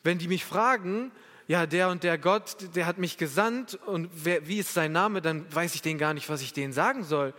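A man voicing a doubtful, hesitant male prophet who makes quick, flustered excuses. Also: a little high, fairly bright tone, natural voice. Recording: echoey hall.

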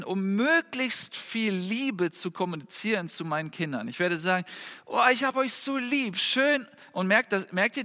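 A middle-aged man preaching a sermon, earnest, dropping soft for quoted lines and rising loud when pleading. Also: sits high. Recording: long reverb of a large hall.

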